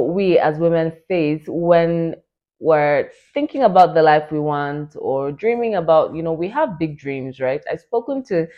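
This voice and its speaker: A young woman in her late twenties hosts a solo podcast with excited, chatty energy. She pitches her voice fairly low and scatters "like" and "you know" through her talk. The recording sounds dull and lo-fi. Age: 20s. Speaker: podcast host.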